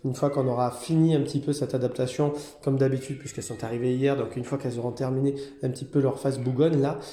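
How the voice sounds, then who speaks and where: Man cooing at cats in echoey room. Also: fast. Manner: coos at the cats in a high sing-song voice, then explains calmly to viewers. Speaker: cat hotel keeper. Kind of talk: casual vlog commentary. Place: indoor cat room.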